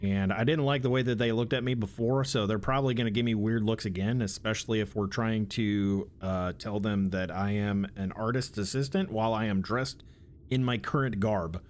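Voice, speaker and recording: A man's voice: fairly low pitch, fairly even intonation, moderate pace, a little mellow, slight background noise. A man streaming a game, making casual, joking asides to his chat. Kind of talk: casual gameplay commentary.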